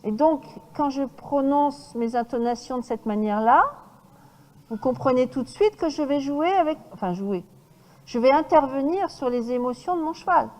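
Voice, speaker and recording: Woman, horse trainer, lecture, fairly high voice, demonstrative, lively. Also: big-room sound, rough recording. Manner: lively and demonstrative, often checks in with the audience. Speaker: horse trainer giving a talk. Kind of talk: lecture to an audience.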